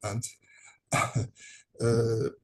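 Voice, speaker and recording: A man with a Polish accent giving impromptu remarks at an academic discussion, halting and pausing often. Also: mid-range voice, monotone, warm tone. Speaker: academic conference participant.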